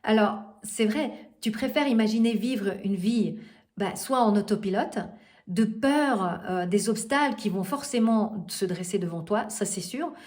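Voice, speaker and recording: A middle-aged life coach motivates her listeners, speaking earnestly yet haltingly, with frequent fillers, pauses and restarted sentences. Her pitch is ordinary and mid-range, her tone darkish, and French is not her first language.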